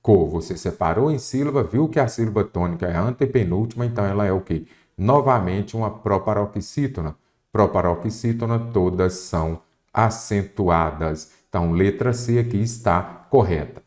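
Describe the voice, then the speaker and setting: A man's voice: fairly low pitch, moderate pace, a little mellow. A Brazilian man teaching a Portuguese exam-prep lesson, explaining step by step and asking the viewer questions. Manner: didactic, asks the viewer questions.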